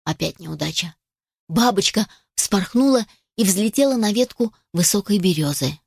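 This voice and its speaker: A woman gently and expressively reading a children's story aloud. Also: medium pitch, animated, normal speed, creaky, husky, no room sound, studio quality.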